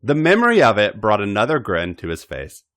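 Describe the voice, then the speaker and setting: Against loud background music, a podcast host reads fan fiction fairly quickly in a lowish voice. His delivery is dramatic and emphatic, with huge swings in pitch.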